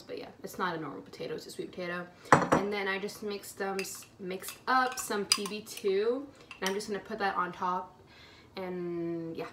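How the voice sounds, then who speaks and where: A woman's voice: medium pitch, a little hiss or hum. Young woman, fitness vlog chatter, loose filler-heavy talk, dishes clinking in background. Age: young adult. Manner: chatty, rambling, lots of "like" and "um". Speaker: fitness vlogger. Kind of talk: casual vlog chat. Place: home kitchen.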